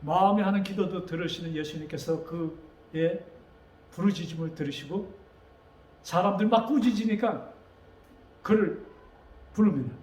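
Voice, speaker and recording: A man preaching a sermon as pastor. He asks the congregation questions and rises to loud, dramatic quotes. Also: sits high, normal speed, pauses often, reverberant.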